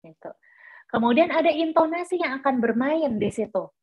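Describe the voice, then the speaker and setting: A woman's voice: high voice, lively intonation, moderate pace, no room sound, dull audio. A woman giving an explanatory workshop lecture to teachers, often saying filler words between points. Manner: explanatory, many fillers like "nah" and "gitu ya". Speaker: teacher trainer.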